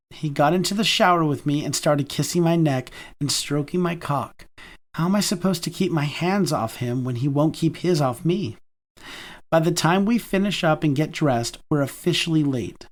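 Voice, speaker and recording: A man narrating a first-person romance audiobook in a warm, conversational manner. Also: on the high side.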